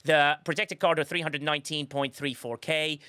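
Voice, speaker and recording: A man's voice: on the high side, fairly even intonation, normal speed, bright, forceful tone, smooth, no echo, studio quality. Chatty man hosting a live podcast. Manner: chatty, effusive, rambling with restarts. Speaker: podcast host. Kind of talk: casual live-stream chat.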